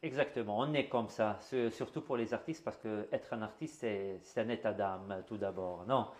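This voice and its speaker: A middle-aged man from Algeria, a guest artist in an interview, speaking warmly and repeating words with many fillers. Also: fairly low pitch, normal speed. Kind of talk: interview conversation.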